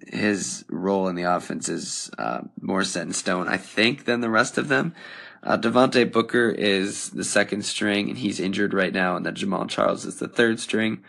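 A young man hosting a solo podcast in a casual, thinking-aloud way with frequent ums, his voice wearing thin and slightly hoarse. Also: fairly low pitch, fairly bright tone. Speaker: podcast host.

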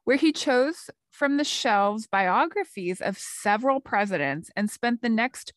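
Lively, laughing woman telling stories. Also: fairly high pitch, a little slow, dry recording, clean studio sound. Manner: chatty, laughs often while telling stories. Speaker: podcast co-host. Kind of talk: casual chat.

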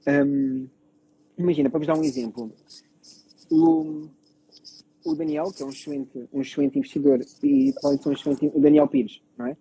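A man's voice: a little high, normal speed, dark tone, husky, rough recording. A man with a European Portuguese accent explaining things in a casual discussion, often repeating phrases and checking that listeners follow. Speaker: panelist explaining technology.

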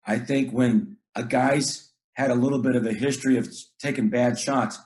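A man's voice: medium pitch, steady tone, moderate pace, a little mellow. A middle-aged man, a basketball coach, talking earnestly in casual chat, often repeating words and acting out what he tells his players.

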